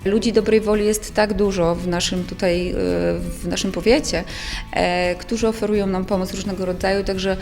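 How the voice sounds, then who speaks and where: A woman's voice: mid-range voice, fairly even intonation, moderate pace, darkish tone, faint music behind. A woman speaking informally in an interview as an animal shelter manager.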